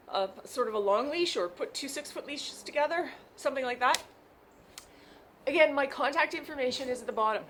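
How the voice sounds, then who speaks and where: A woman's voice: high voice, a bit bright, a little hiss or hum. A woman dog trainer explaining a game outdoors in a chatty, reassuring, unscripted way. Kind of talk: casual instructional talk.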